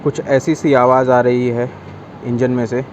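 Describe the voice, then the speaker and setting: A man's voice: mid-range voice, flat delivery, moderate pace. Casual male vlogger, friendly and chatty, noisy outdoor sound. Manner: playful, loud and coaxing with his child. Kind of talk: casual vlog talk.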